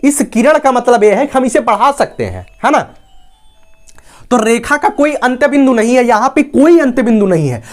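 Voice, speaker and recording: A man's voice: extremely high pitch, lively intonation, normal speed, soft background music. A man teaching a maths lesson at a board. He explains step by step and keeps checking that listeners follow.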